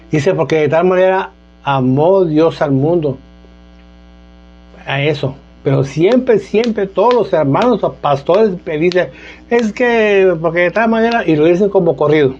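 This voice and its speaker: A man's voice: on the high side, darkish tone. A man preaching an informal sermon, talking conversationally and often asking "¿verdad?". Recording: dull lo-fi sound with faint music.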